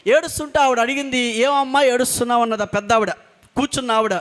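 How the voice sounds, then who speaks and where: A man's voice: very high voice, very fast, a bit bright. A man, a preacher telling his family's testimony in an earnest way and driving points home by repeating them. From coastal Andhra Pradesh, India. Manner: earnest storytelling with emphatic repetition. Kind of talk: sermon testimony.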